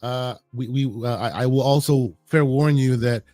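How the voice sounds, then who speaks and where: A hoarse, sick man hosts a casual podcast, often restarting his words and greeting his listeners. His voice sits at an ordinary male pitch, and the sound is dry and close, with faint music underneath. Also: fairly even intonation, dry recording. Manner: halting, repeats words, friendly shout-outs. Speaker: podcast host.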